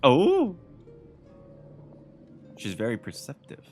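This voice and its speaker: A woman's voice: rumbling low, huge pitch swings, slow pace, faint music behind. A woman streamer giving casual, joking commentary on a game she is playing, reacting with slang and the odd swear word. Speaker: gaming streamer.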